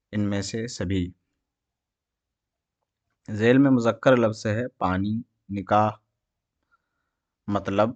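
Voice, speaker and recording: A man with a low voice and an Indian Urdu accent leads an exam prep lesson built around a quiz. He reads out each question and its options, then explains the answer, and the recording has no echo.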